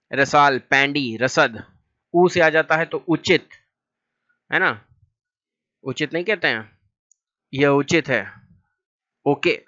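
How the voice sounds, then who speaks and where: A man teaching as a language teacher, reciting lists of synonyms in a steady, drilling way with short asides. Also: medium pitch, muffled recording. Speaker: Hindi teacher.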